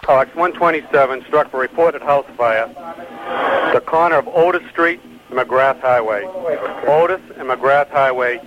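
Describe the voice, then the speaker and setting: A man working as a fire alarm dispatcher, giving measured, formal, repeated announcements over a two-way radio. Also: medium pitch, crowd noise. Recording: dull, very noisy emergency radio channel.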